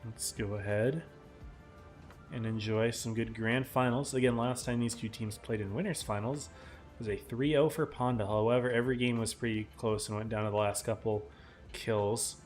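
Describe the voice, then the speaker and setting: A man casting a live esports match in a casual, chatty way, his voice tiring and often clearing his throat. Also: mid-range voice, fairly even intonation, normal speed, soft background music. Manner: casual, chatty, talks to chat viewers. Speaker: esports caster.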